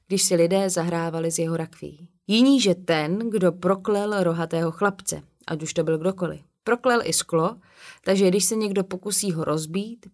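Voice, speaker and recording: A woman narrating an audiobook in a calm, measured reading. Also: on the low side. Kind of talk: scripted narration.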